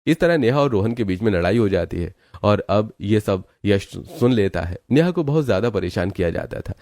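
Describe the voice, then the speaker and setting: A man narrating a cartoon story in a steady, matter-of-fact way. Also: fairly low pitch, normal speed, dry recording, clean studio sound.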